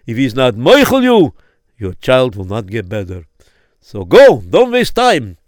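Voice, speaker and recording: A man playing a grave, insistent rabbi who slows down to press his points. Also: mid-range voice, huge pitch swings, no room sound, studio quality. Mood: solemn. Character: stern, solemn male rabbi advising a father.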